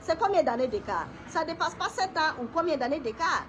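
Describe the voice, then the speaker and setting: A middle-aged woman gives an emotional personal testimony to camera. She talks haltingly, often repeating words, pausing and clearing her throat. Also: high voice, animated, slight background noise. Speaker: woman sharing a personal story.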